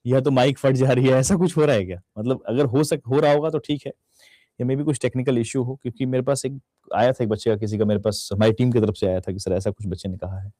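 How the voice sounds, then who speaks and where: A man's voice: mid-range voice, fairly even intonation, fast talker, warm tone, no room sound. A young adult man with an Indian Hindi accent teaching banking exam reasoning. He talks straight to his students and mixes in English phrases. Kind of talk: recorded online lecture. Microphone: close studio mic.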